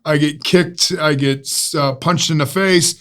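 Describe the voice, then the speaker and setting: A joking man in his fifties with an Ohio accent, chatting as an interview guest. His voice sits a little higher than most men's, and he tells his stories with self-mocking humor. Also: steady tone, a little slow, fairly bright tone. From Ohio, USA. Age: 50s. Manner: jokey, self-mocking storyteller. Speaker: podcast guest, stuntman and actor. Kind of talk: casual interview chat.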